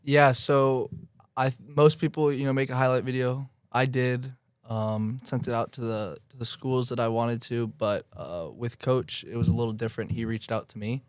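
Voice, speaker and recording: Man, 21, from Florida, smooth voice, flat intonation, casual filler-heavy answers. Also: mid-range voice, normal speed, no room sound. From Florida, United States. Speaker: guest soccer player.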